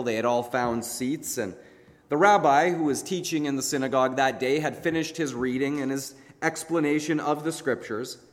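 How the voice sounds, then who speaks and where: Preacher with a ringing hall echo. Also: male voice, fairly high pitch. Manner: dramatic retelling with emphatic pauses. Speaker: pastor. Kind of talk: sermon storytelling. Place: large church sanctuary.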